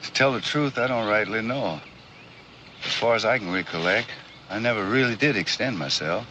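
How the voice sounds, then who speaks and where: A man's voice: on the low side, moderate pace, background noise, close to an everyday voice. An actor playing a modest, polite strongman with folksy rural phrasing in a TV western. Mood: humble, amiable. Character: humble, gentle strongman and former slave. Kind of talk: 1960s television western acting. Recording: dull old TV soundtrack.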